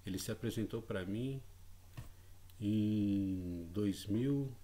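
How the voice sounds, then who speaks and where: Low-voiced man telling a story haltingly. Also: warm tone. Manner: hesitant, repeats words, frequent tag questions. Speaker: channel host. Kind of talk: casual spoken storytelling.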